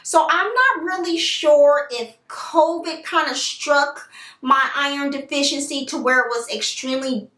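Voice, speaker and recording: A woman vlogger telling her story to viewers in a chatty, animated way, talking straight to them. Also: high voice, measured pace, distant mic. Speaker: hair care vlogger. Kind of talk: casual storytelling to camera. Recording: roomy echo, voice set back from the mic.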